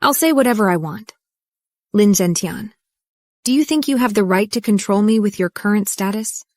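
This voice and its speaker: A woman's voice: mid-range voice, normal speed, no room sound, close to an everyday voice. Woman voicing a cool, defiant young heroine. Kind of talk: English drama dub. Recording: dry studio dub.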